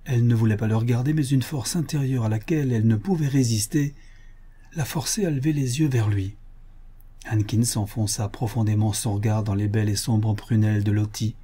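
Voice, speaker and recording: A man reading a novel aloud as an audiobook narrator, in a steady, measured storytelling manner. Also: on the low side, slightly rough. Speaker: audiobook reader.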